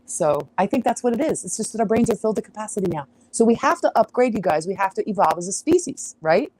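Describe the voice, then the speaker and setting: A woman's voice: mid-range voice, lively intonation, fast, darkish tone, slight background noise, poor audio. A woman hosting an astrology livestream, chatting casually on a farm, rambling and sidetracking with frequent laughs. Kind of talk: casual live-stream chat. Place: outdoors on a farm.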